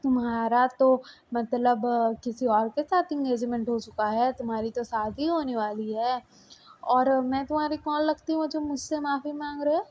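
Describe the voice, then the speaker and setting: A woman's voice: high-pitched, steady tone, moderate pace, darkish tone, highs cut off. A woman doing a jealous, sarcastic young princess. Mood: sarcastic hurt. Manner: taunting, sarcastic questions.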